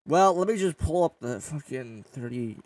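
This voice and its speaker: A man's voice: on the high side, expressive, normal speed, darkish tone, no room sound, recorded from a distance. A man hosting a casual gaming podcast, rambling and joking with a lot of swearing. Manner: rambling, swears often, jokey. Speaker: podcast host and streamer. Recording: dry, a bit off-mic.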